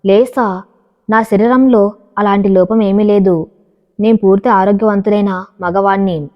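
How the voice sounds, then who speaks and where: An anguished, tearful young husband with his time running out, as a woman reads him out, pleading in broken phrases. The voice is mid-pitched and washed in long reverb. The whole recording sounds dull and lo-fi. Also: fairly even intonation, moderate pace, close to an everyday voice. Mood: earnest.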